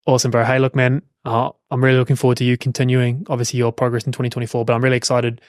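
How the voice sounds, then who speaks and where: A man's voice: medium pitch, completely flat delivery, rapid-fire, darkish tone, clear, resonant tone, dry recording, clean studio sound. A man hosting a casual interview in a chummy, encouraging way. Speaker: podcast host.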